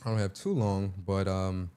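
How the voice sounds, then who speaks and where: A young man hosting a casual livestream, playful and animated, talking straight to his chat. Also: sits low, moderate pace, clean tone. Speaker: livestream host.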